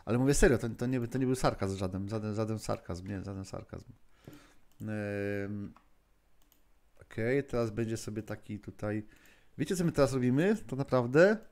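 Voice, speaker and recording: A man's voice: on the low side, moderate pace, darkish tone. A man hosting a live-streamed lesson, thinking aloud with many fillers and restarts, chatting with viewers and moderators as he goes.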